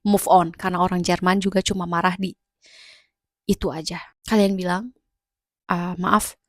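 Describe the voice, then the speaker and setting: A woman's voice: lowish voice, little pitch movement, normal speed, no echo, clean studio sound. A young woman giving casual, emphatic advice in a vlog, repeating key phrases. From Indonesia. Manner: repetitive, emphatic, conversational.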